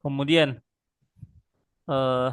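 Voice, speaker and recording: Medium in pitch, smooth and fairly even in intonation, the man's voice comes through close and dry with no room sound. He is an Arabic teacher running a one-on-one online lesson, drilling slowly and patiently with many pious interjections.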